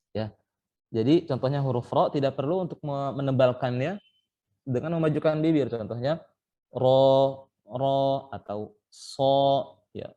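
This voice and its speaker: A man's voice: mid-range voice, warm tone, muffled recording. A man teaching Quran recitation in an online training session, patiently explaining step by step and sounding out letters as examples. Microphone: online call.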